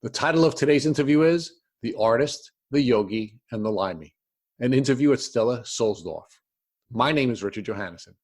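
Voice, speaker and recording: A man's voice: mid-range voice, expressive, fairly quick, a little mellow. A man hosting a podcast, reading a formal guest introduction and then asking interview questions. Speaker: podcast host.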